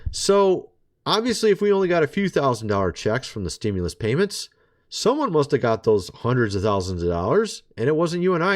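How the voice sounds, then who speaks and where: Sarcastic man with a lively voice. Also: mid-range voice. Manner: sarcastic, chatty, keeps addressing listeners as folks. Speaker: vlogger. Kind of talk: casual commentary monologue.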